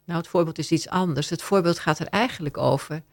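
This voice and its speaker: A woman's voice: fairly low pitch, a little fast, dry recording, clean studio sound. A woman working as a confidential adviser, giving a radio interview and explaining an example with hesitant restarts. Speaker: confidential adviser on workplace conduct.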